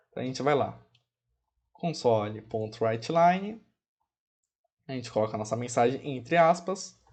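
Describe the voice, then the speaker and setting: A high-pitched but darkish-toned voice leads this casual coding screencast, spoken with a Brazilian Portuguese accent. The chatty instructor uses plenty of diminutives, checks in often with "ok?" and "pessoal", and spells out commands slowly while he types.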